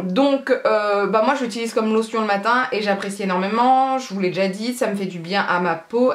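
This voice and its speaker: A woman's voice: medium pitch, roomy sound. A woman beauty vlogger in casual haul chat, chatty and rambling with a self-mocking humor.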